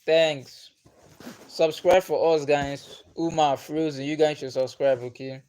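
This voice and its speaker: Speaking slowly in a smooth, slightly mellow voice that sits a little high, a male livestream host keeps his intonation fairly even. He reads comments in a relaxed chat. Igbo is his first language, and he's patient, repetitive, and quick to chuckle.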